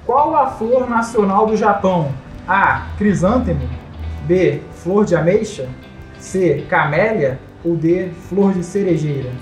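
A woman's voice: fairly low pitch, animated, slow pace. A Brazilian woman hosting a quiz, reading out questions and answer options. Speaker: quiz host. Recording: echoey, light music behind.

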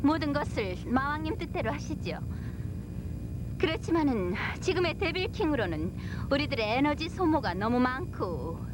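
A woman's voice: sits high, sing-song, normal speed, background noise. An actress playing a scheming female lieutenant to a demon king in a cartoon, formal and theatrical. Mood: deferential, cunning. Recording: old videotape, loud music behind.

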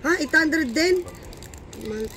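A young woman chatting casually and haggling with lively exclamations while shopping outdoors at a sunny beach. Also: sits high, takes it slowly. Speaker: vlogger and shopper. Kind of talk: casual chat while bargaining. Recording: outdoor beach noise behind.

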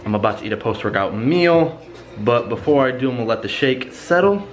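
A young man in his twenties, a fitness vlogger with a cold and a stuffed-up nose, casually walks viewers through his cooking step by step. His medium-pitched voice is lively and a little fast, caught on a camera mic in a small home kitchen. Faint music plays behind this plain, casual how-to vlog narration.

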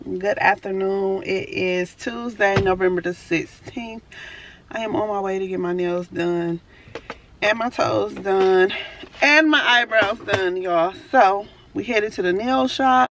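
A woman's voice: medium pitch, measured pace, a bit bright, slight background noise. Chatty woman vlogging to camera. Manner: blunt, swears freely when venting; chatty, keeps addressing viewers as y'all. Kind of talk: casual vlog chat to camera.

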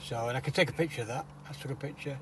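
A man's voice: mid-range voice, very fast, noisy background. A man showing off his campervan, explaining its gadgets plainly and matter-of-factly. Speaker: van owner giving a tour. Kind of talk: casual show-and-tell. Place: inside a campervan. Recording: background music.

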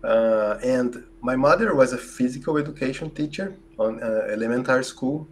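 A guest in his forties from southern Brazil, with a Brazilian Portuguese accent, answers interview questions hesitantly, full of fillers and restarts. He speaks at a normal speed into a large boom-arm studio mic in his home office.

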